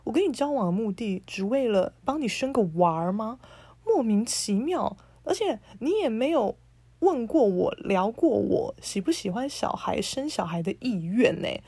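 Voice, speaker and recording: A woman's voice: a little high, expressive, normal speed, warm tone, breathy edge, no echo. A woman, hosting a podcast as a casual monologue and ranting in an indignant, blunt, sarcastic way. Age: 30s. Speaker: podcast host.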